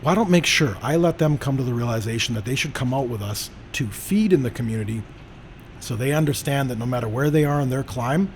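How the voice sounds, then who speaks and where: A man's voice: mid-range voice, animated, quick pace, slight background noise. A middle-aged man from Canada hosting a podcast, talking in an emphatic, lecturing way. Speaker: podcast host. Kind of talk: casual conversation.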